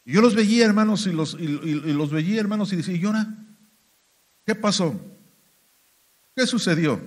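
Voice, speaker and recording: A man's voice: high-pitched, normal speed. A man with a Mexican accent preaching a sermon testimony in a church, talking emphatically and often turning to the congregation. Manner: emphatic, keeps addressing "hermanos".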